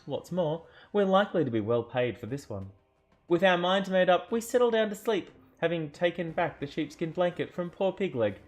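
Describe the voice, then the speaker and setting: A man narrating an interactive fantasy adventure book aloud, theatrical, with joking asides and self-corrections. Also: fairly high pitch. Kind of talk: dramatic storybook narration.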